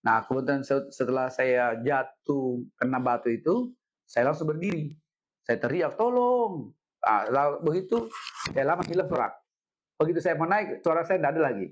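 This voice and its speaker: A middle-aged man, a guest telling a story in an interview, animated, repeating himself and ending lines with "Pak". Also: mid-range voice, moderate pace. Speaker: head of city education office, guest.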